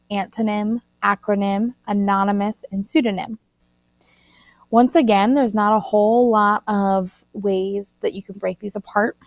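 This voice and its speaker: A woman teacher recording a vocabulary lesson, slowly enunciating and spelling out words. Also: mid-range voice, no room sound. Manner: slow, deliberate word-by-word spelling and enunciation. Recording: dull lo-fi recording.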